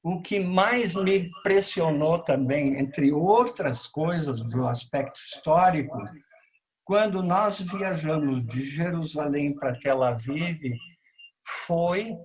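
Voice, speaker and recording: A man in the audience asking a question on a call, slowly and haltingly, with long pauses. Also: on the high side, expressive, rough recording. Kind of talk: casual spoken question.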